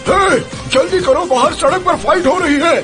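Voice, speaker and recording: A man's voice: very high-pitched, moderate pace, over loud music. A man dubbing a rowdy neighborhood man who cheers on a fight and argues over a bet, in a dubbed TV drama. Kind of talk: Urdu dub of a TV drama.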